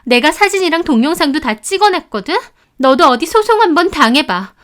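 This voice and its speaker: A woman voicing a spiteful young mistress who yells shrill insults in an audio story. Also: big pitch swings, brisk. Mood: shrieking.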